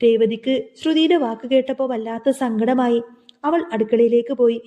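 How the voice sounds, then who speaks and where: A woman's voice: a little high, fairly even intonation, normal speed, lo-fi sound. A woman narrating an episode recap of a television serial in a storytelling tone. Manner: retelling in storytelling tone.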